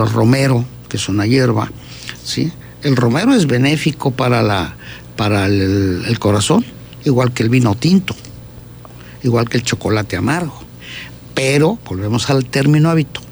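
A man's voice: mid-range voice, a little hiss or hum. A man explains diet and health as a guest, repeating words as he gathers his thoughts and often checking in with a questioning "¿sí?".

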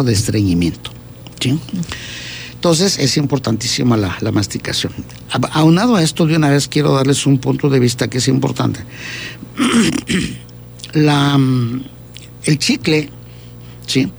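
A man's voice: fairly high pitch, creaky, a little mellow, a little hiss or hum. A man explains diet and health as a guest, repeating words as he gathers his thoughts and often checking in with a questioning "¿sí?".

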